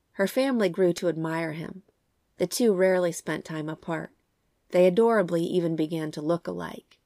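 Woman, croaky and stuffed up with a cold, slightly low pitch, scripted true crime narration, dry close recording. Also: a little mellow, no room sound. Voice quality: croaky, congested. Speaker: podcast host and narrator.

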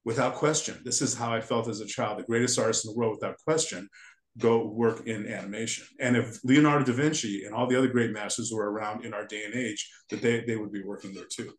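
A man's voice: lowish voice, quick pace. A man in his sixties, a guest character designer from the United States, telling childhood stories in a rambling way and often restarting his sentences. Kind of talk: casual storytelling interview. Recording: echoey room.

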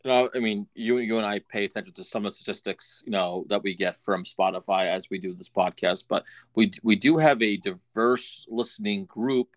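A man with a very low, deep voice co-hosts a casual podcast, rambling and stopping to restart his thoughts. The sound is close and dry, with no room echo around him. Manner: rambling and halting, with many restarts. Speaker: podcast co-host.

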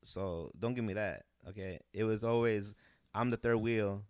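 A young man from Peru, a comedian, telling rambling, animated stories in a casual podcast chat. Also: lowish voice, normal speed, clear, resonant tone, no room sound, clean studio sound. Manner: rambling, animated storytelling with restarts. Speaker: guest comedian.

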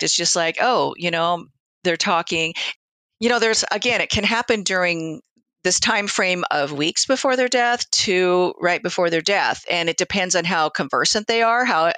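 A woman with a bright, slightly low voice talks conversationally as a hospice nurse. She tells anecdotes reflectively and voices the exchanges she quotes. The sound is close and dry. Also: no echo. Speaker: hospice nurse, interview guest. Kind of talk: conversational storytelling.

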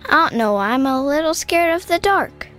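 A woman's voice: high-pitched, lively intonation, moderate pace, a bit bright, soft background music. A woman voicing a timid young girl who scares easily, with anxious questions.

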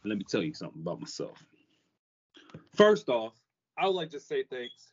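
Guy hyping up a podcast, really lively swoopy voice, repeats himself for emphasis, muffled lofi mic. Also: mid-range voice, normal speed, husky. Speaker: podcast co-host. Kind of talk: casual hype-man talk. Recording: dull, lo-fi microphone sound.

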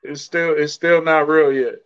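A man's voice: a little high, steady tone, normal speed, fairly bright tone, smooth, lo-fi sound. A man co-hosting a casual sports show in slangy bro talk, often saying man and bro.

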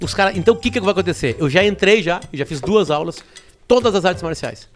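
A man telling animated stories in a casual chat, acting out what people said. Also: high voice, fast, faint music behind. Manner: animated, acts out quotes.

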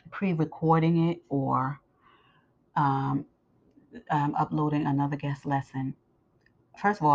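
A woman with a low voice, scratchy as if her tonsils are swollen, talks to her listeners in an informal host's update. She pushes through haltingly, and the recording is dull and muffled. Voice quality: scratchy, sore swollen-throat voice. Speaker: host of Bible lessons.

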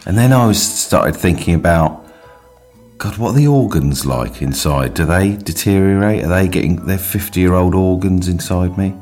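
A man's voice: deep voice, moderate pace, a little mellow, faint music behind. A man, co-hosting a casual podcast and teasing his partner with playful questions. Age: 40s. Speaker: podcast co-host. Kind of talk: casual chat, live-streamed.

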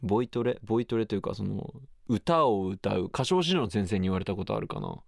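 A man's voice: on the low side, big pitch swings, brisk, creaky, no room sound, clean studio sound. A man hosting his own radio show, chatting casually and musing aloud in a rambling way. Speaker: radio host. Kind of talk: casual solo radio talk.

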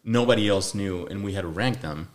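A man with a low voice in a relaxed tasting chat. As co-host he tells a story, stressing his points with emphatic, insistent asides. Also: fairly quick. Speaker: podcast co-host. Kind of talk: casual chat.

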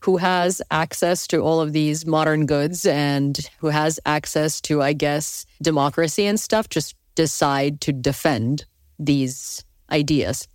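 A young woman from Ukraine hosting a casual interview conversation, animated and quick to laugh. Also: no echo, studio quality. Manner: animated, laughs often, rising pitch when excited. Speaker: host.

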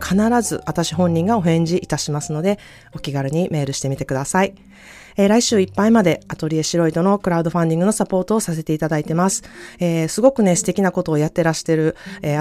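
A woman hosting a self-care podcast, speaking gently and encouragingly. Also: on the low side. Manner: gentle, encouraging, repeats phrases slowly. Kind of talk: solo podcast talk.

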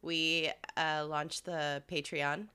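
A woman's voice: sits low, flat delivery, slow pace, bright, forceful tone, smooth. A woman podcast co-host chatting casually, her voice stuffy from a cold. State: sick with a cold.

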